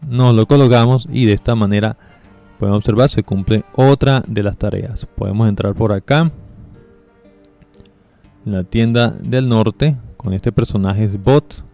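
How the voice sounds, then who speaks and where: A man giving casual step-by-step commentary over a game walkthrough, relaxed and explaining with fillers. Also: lowish voice, a little slow, vocal fry, soft background music. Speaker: gameplay guide narrator.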